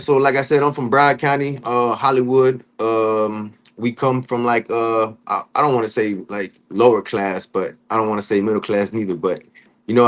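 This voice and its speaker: A podcast guest from Florida, a man with a lowish voice, tells his life story in a casual interview. He speaks in relaxed street slang and keeps saying "you know what I'm saying."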